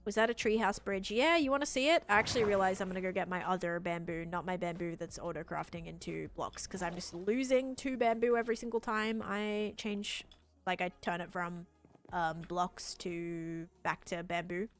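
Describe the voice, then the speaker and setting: A woman livestreaming a game in casual chat, rambling and thinking aloud as she answers viewers, with expressive jumps in pitch and volume. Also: moderate pace. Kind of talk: casual gameplay stream chat. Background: music.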